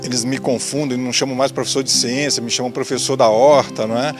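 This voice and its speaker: Man, teacher in a news feature, hesitant, mid pitch, music bed underneath. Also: fairly even intonation, fast talker. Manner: hesitant, repeats words. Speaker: science teacher. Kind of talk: interview soundbite.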